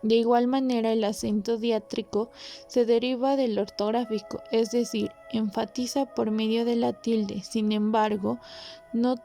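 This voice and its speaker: Mellow-voiced woman explaining grammar. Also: a little high, flat delivery, vocal fry, faint music behind. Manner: measured, explanatory, with pauses and restarts. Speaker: podcast host.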